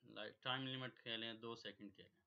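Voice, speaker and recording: A man with a bright, forceful voice gives a tajweed lesson and explains each rule patiently, step by step. He mixes English words into his teaching. The recording sounds dull and lo-fi. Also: mid-range voice, fairly even intonation, creaky. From Pakistan. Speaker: Quran recitation teacher.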